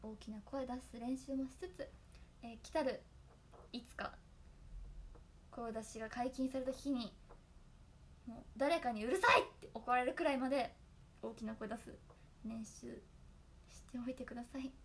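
A woman's voice: on the high side, steady tone, moderate pace, long pauses, a little hiss or hum. A young woman chatting casually to fans, reciting tongue twisters and giggling often. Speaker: idol trainee talking to fans. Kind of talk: casual solo stream chat.

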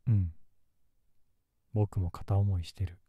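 A man playing a gentle, melancholy young man in love, in a soft, intimate ASMR role-play close to the mic. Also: low voice, steady tone, slow pace, slightly rough, no room sound, lo-fi sound, full character voice. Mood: tender, sympathetic. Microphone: close ASMR microphone in a dry space.

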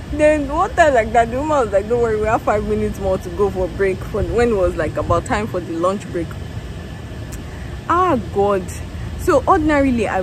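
A young woman, tired after a factory shift, telling her day in an animated casual vlog into a phone held at arm's length outdoors. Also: medium pitch. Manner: tired, animated storytelling with laughs and exclamations. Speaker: vlogger. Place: outdoors in a parking lot beside a factory building. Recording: phone outdoors with traffic noise.

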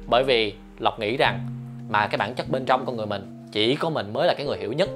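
Man, commentary vlog host, halting talk full of fillers, guitar music playing under his voice. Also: mid-range voice. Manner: frequent hesitation fillers, addresses viewers directly; refers to himself by name in the third person. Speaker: lawyer and channel host.

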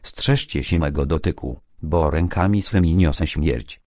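A man's voice: a bass voice, unhurried, a little mellow, no echo, studio quality. A man voicing a young woman who poses as a priestess, in a solemn chanting delivery, in an audiobook. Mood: ominous.

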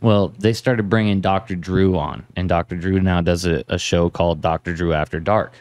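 A man's voice: low voice, steady tone, moderate pace, darkish tone, dry recording. A man hosting a casual podcast, boisterous and profane, laughing as he talks into a studio mic. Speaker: podcast host. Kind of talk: casual crude podcast banter.

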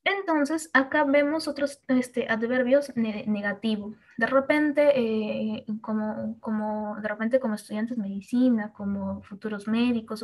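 A woman's voice: fairly high pitch, a little mellow. A woman teaching Quechua to medical students in an online class, explaining step by step with many fillers, restarts and checks like "¿no?".

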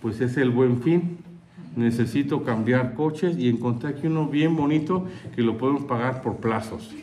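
A man voicing a chatty wife who coaxes her husband over the phone with sweet, quick requests, in a Mexican accent. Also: medium pitch, warm tone, close to an everyday voice. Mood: coaxing.

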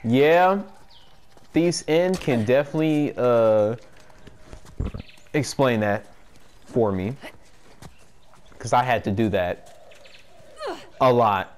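A man giving casual commentary over a video game, cursing and reacting excitedly, talking into a headset. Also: medium pitch, takes it slowly, pauses often, smooth. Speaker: gamer.

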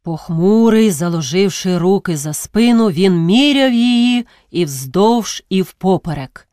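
A woman reading a classic novel aloud as a narrator, measured and dramatic. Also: medium pitch, darkish tone, dry recording, clean studio sound. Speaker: audiobook narrator. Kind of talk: expressive literary narration.

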